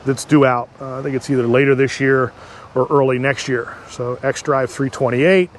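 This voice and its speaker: A man with an average-pitched voice gives an informal walk-through commentary. He speaks haltingly, working out what to say as he looks around. Faint everyday background noise sits behind his voice. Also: fairly even intonation. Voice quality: talking through a face mask indoors. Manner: halting, thinking aloud while looking around. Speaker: car vlogger giving a dealership walk-through. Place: car dealership, showroom then outdoor lot. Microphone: microphone with a furry windscreen. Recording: handheld vlog with background ambient noise.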